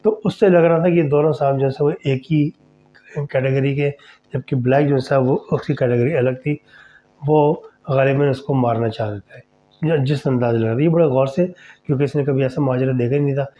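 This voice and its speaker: A man's voice: mid-range voice, fairly even intonation, dark tone. A man hosting a podcast, telling a horror story in a conversational way and speaking directly to his listeners. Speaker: storyteller host. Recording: dull lo-fi recording.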